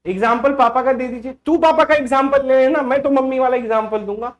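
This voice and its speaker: A man's voice: extremely high pitch, fairly even intonation, fast talker, lo-fi sound. A man teaching a math class who keeps telling the students to stop commenting and listen, moving between Hindi and English in a casual, teasing way. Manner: keeps hushing the class and asking them to listen; switches between Hindi and English mid-lesson. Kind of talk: classroom lecture.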